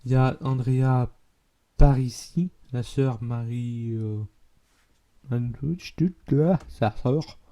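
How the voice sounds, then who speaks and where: A Belgian French-accented YouTuber chats casually to his viewers in a rambling vlog, frequently stumbling over words and correcting himself. His voice is mid-range and dark, and he speaks slowly.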